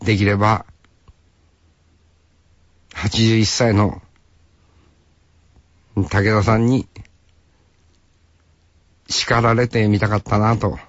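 Slow-talking man in his sixties, radio host. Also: lowish voice, flat delivery, dry recording, muffled recording. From Hokkaido, Japan. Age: 60s. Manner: rambling, folksy, talks straight to the listener. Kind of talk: casual radio monologue.

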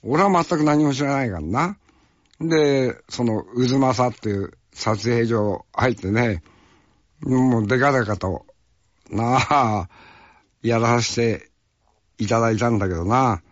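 A man from Fukuoka who works as an actor recalls a film shoot in casual, unhurried storytelling. He speaks in a rough, folksy way and keeps adding little tag questions. The recording is dry and slightly muffled. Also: mid-range voice, no room sound.

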